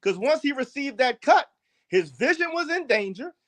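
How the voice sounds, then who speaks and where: Emphatic high-voiced man talking boxing. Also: very animated, moderate pace, fairly bright tone. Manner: emphatic, opinionated, argues points firmly. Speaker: podcast co-host. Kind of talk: casual boxing talk.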